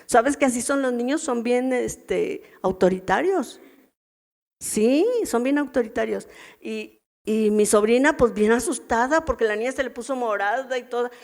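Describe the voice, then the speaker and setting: A woman's voice: fairly high pitch, moderate pace, a little mellow. A middle-aged woman with a Mexican accent, teaching a women's church meeting in a chatty, story-filled way and often checking in with the audience. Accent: Mexican Spanish. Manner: chatty, anecdotal, constant tag questions to the audience.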